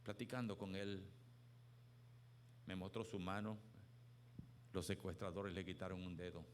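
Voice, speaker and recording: A man preaching a sermon as pastor, telling stories with emphatic swings between hushed and loud delivery. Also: low voice, little pitch movement, measured pace, a little hiss or hum.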